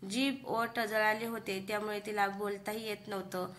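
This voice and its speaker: A woman voicing a quietly grieving mother. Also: a little high, moderate pace, a little hiss or hum, natural voice. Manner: calm, soft, sorrowful. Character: grieving middle-aged mother, quiet and dignified.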